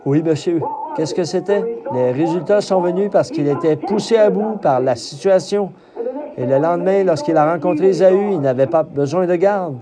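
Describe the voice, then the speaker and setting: High-voiced man preaching a sermon. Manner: emphatic preaching, rising to cries on key phrases. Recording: crowd audible behind.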